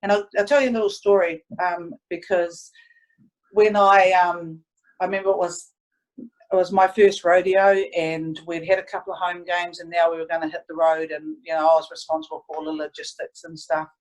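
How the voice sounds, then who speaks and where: A woman's voice: lowish voice, level tone, moderate pace, rough recording. A woman, reflecting earnestly and hesitantly as she tells stories in a casual interview. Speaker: interviewee, sports team staff member.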